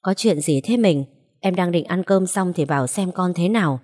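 A woman voicing an anxious, caring wife who speaks softly and politely. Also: fairly low pitch, normal speed, natural voice. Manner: soft, polite.

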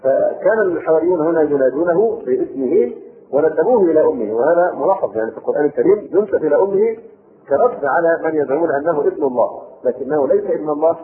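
Fast-talking Egyptian sheikh on tinny tape. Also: male voice, fairly high pitch, lively intonation. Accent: Egyptian Arabic. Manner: reads classical text then explains in colloquial asides, self-correcting. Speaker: Quran tafsir teacher. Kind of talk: Quran commentary lesson.

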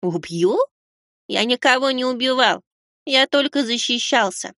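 A man's voice: expressive, a little slow, bright, forceful tone, no echo, studio quality, exaggerated voice. A man voicing a defiant young boy with horns and grey hands, speaking in short blunt replies. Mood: cold. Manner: high, blunt and curt. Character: horned grey-handed boy, stubborn and defiant. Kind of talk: storybook character voicing.

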